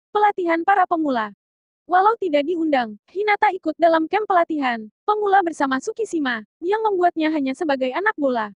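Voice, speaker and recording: A woman's voice: very high voice, no echo, dull audio. A woman hosting an anime recommendation list, reading scripted narration to fellow fans. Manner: addresses fans as an anime presenter.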